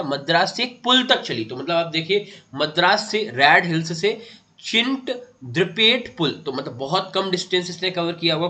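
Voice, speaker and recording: Male exam-prep teacher, a touch higher than average, bright forward tone, patient and repetitive, calls students beta. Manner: addresses viewers as beta, repeats key facts, often adds "theek hai". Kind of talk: online exam-prep lesson.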